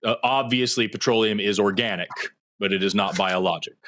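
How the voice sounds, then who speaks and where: Guy hosting a call-in show, lowish voice, keeps pushing for a straight answer. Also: a little fast, a bit bright, a little hiss or hum. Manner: probing, presses for clear answers. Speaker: host. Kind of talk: call-in debate.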